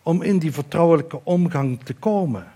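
A male preacher delivers a sermon with earnest conviction. His voice sits a little high, and he reads scripture aloud, slowing and raising his voice on the words he wants to stress. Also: expressive, dark tone, breathy edge. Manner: earnest, slows and lifts his voice for emphasis.

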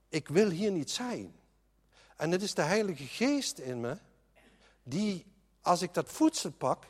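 A man's voice: sits high, darkish tone, long reverb tail. A man preaching a sermon in an earnest, emphatic way, often restarting his sentences.

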